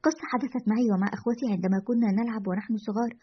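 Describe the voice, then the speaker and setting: Woman reading female caller, recollecting, high voice, lo-fi. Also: rapid-fire, husky. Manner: recollecting, descriptive. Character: woman caller recalling childhood. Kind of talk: storytelling narration. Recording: lo-fi dull audio.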